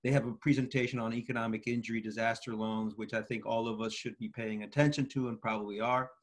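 A man's voice: mid-range voice, flat delivery, fast talker. Polite middle-aged man moderating by webcam. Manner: polite, appreciative, hesitant fillers. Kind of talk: moderating a virtual town hall. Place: home office indoors. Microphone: video call webcam.

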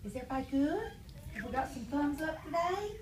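A woman's voice: sits high, expressive, fairly quick. A woman with a Southern US accent teaching young children through a picture-book read-aloud, earnest and upbeat, prompting them with questions and echoing their answers. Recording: echoey room, distant mic, faint noise.

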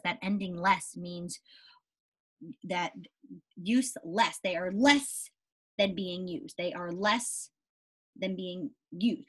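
The speaker, a young adult elementary teacher, reads aloud expressively to young children in a small room with a whiteboard, repeating and stressing key words and checking in regularly. She has a medium-pitched, fairly bright voice that comes across slightly rough.

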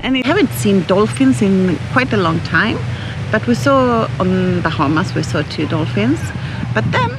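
A woman's voice: mid-range voice, animated, unhurried. A middle-aged Swedish woman, native Swedish speaker, co-hosting a sailing vlog in simple, chatty English outdoors. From Sweden. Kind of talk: casual chat. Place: outdoors under trees. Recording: loud wind noise.

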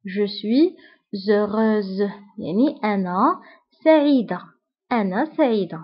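A woman with a Moroccan Arabic accent teaching a French lesson, slowly repeating each example phrase with care. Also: medium pitch, animated, husky. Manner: slow deliberate repetition of example phrases. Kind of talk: scripted language lesson. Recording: dull lo-fi recording.

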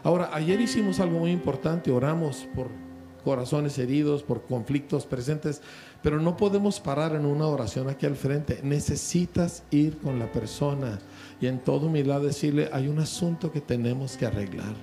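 A man's voice: on the high side, moderate pace, warm tone, faint music behind. A Mexican man in his sixties preaching a sermon at a pastors' conference, speaking conversationally and often asking listeners whether they follow. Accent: Mexican Spanish. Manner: conversational preaching, asks the crowd for agreement. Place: church conference stage.

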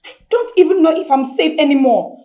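A woman's voice: high voice, animated, fairly quick, dark tone. An actress with a Nigerian accent playing a defiant young woman who confronts the person she works for. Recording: roomy echo.

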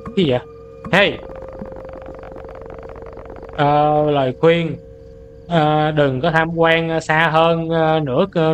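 A young man narrates his horror playthrough in a somewhat high voice. He is jumpy, breaks into startled outbursts, and reads the game's English text aloud. Faint insect chirping sits under the voice. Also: a bit bright, a little hiss or hum. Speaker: gaming streamer. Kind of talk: let's play commentary.

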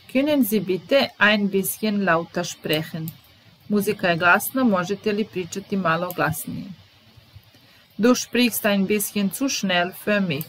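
Slow, careful woman teaching German words. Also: medium pitch, fairly bright tone, rough recording. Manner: reads each German example, translates it, then repeats it. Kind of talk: slow bilingual vocabulary lesson.

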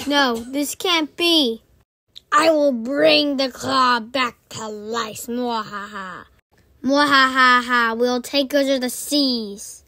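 A child voicing a boastful, scheming fish boss with slow, theatrical villain menace in a cartoon meme skit. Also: high-pitched, fairly even intonation, sharp tone, no echo, heavily acted.

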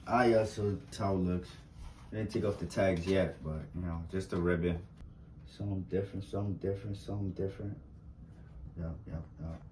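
A man's voice: fairly low pitch, a little mellow. Young man, casual vlog host; reverberant room sound, light background hiss. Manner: chatty, slangy, repeats himself, pleads for likes. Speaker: vlogger. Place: small bright indoor room. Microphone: fixed camera a few steps away. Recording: roomy, distant camera sound.

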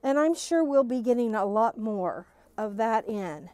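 This middle-aged woman gushes her way through a casual tour of new quilt-shop stock, masked and followed by a phone camera. She's bubbly and expressive, pitched fairly high, with a measured pace and a dark tone.

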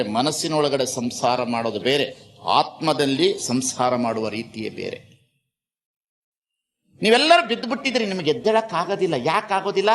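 A man giving a sermon as a spiritual teacher, dramatic and repetitive, swinging between soft and loud. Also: on the high side.

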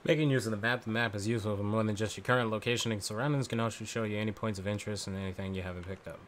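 A man's voice: on the low side, fairly even intonation, racing, a little hiss or hum. Offhand, joking man gaming. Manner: offhand, joking, muttering to himself. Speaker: gamer. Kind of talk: casual game commentary.

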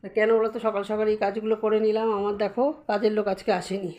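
A middle-aged woman narrates her day at home in a chatty, easygoing way, speaking straight to her viewers as she shows her housework. Her voice sits in an ordinary middle pitch, recorded close on a handheld phone indoors. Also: little pitch movement, quick pace, mellow. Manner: chatty, talks straight to viewers while doing chores. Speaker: home vlogger, grandmother. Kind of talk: casual home vlog narration.

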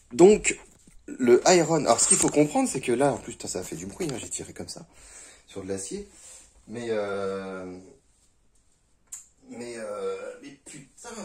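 A man's voice: on the low side, darkish tone. A man casually reviewing a gun for his viewers, rambling and swearing a lot while shooting outdoors, recorded on a phone a few meters away. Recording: echoey, from a distance.

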